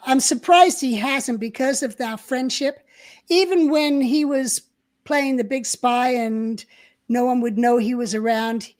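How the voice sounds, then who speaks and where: High-voiced older woman reminiscing. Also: a little mellow. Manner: reminiscing, chatty with fillers. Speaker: co-host. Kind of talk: casual live-stream chat.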